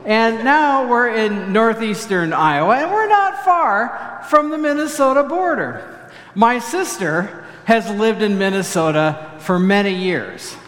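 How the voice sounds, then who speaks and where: Man, pastor, high voice, sermon, joking manner, echoey church hall, long reverb. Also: animated, a little slow, a bit bright. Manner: chatty, humorous, leads congregation in responses. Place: church sanctuary.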